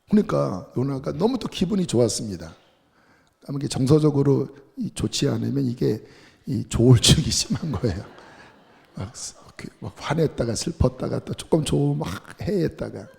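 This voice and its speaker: Male pastor, storytelling sermon, gravelly warm voice, long church echo. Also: mid-range voice. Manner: lively storytelling with colloquial asides.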